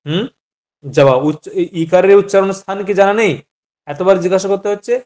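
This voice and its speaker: A man's voice: high-pitched, brisk, darkish tone. A man teaching Sanskrit grammar in an online class, patiently quizzing his students and repeating each point.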